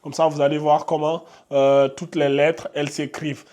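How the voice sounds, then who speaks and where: A man's voice: on the high side, flat delivery, normal speed, a little mellow. A man teaching a lesson on Arabic letters, calling out each sound and checking in with his viewers. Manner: drills sounds aloud, stressing letter names; addresses viewers directly, frequent checks. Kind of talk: whiteboard lesson.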